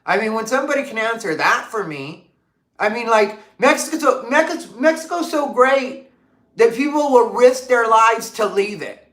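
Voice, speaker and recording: An animated woman with a fairly bright, high-side voice chats casually on a livestream at normal speed, her sound roomy. The Arizona host reads comments and throws out emphatic rhetorical questions, using lots of fillers.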